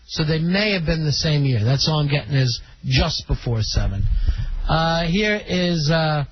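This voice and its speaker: A man's voice: a little high, lively intonation, unhurried, slight background noise. A man hosting a call-in radio show, chatty and opinionated, taking callers on the line. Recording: dull lo-fi radio broadcast.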